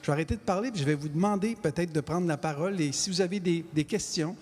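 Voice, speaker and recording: A man moderating a Q&A on stage with a handheld mic, halting with many fillers. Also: on the high side, darkish tone. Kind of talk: hosting a post-show Q&A. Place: stage of a large hall. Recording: long hall reverb, faint noise.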